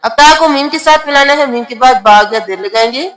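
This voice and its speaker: Woman recitation tutor with a high voice who moves between brisk spelling-out and slow, sung recitation. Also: fairly bright tone, rough recording. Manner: quick spelled-out explanations alternating with slow drawn-out melodic recitation. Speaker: Quran recitation teacher. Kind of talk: tajweed lesson, explaining then reciting slowly.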